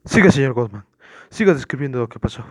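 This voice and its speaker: A man's voice: medium pitch, lively intonation, fast, no room sound, natural voice. A man voicing a stern small-town police officer who questions a suspect in a firm, formal, commanding way.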